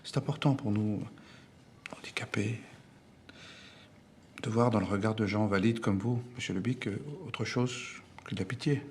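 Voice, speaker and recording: A man's voice: lowish voice, fairly even intonation, normal speed, long pauses, darkish tone, slight background noise, natural voice. A man playing a meek fake invalid.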